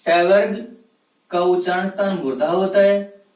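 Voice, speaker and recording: A man teaching Hindi grammar in a classroom-style lecture. He asks questions and answers them himself, and he sounds out letters slowly one at a time. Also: sits high, steady tone, a little mellow. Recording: echoey room, voice from a distance.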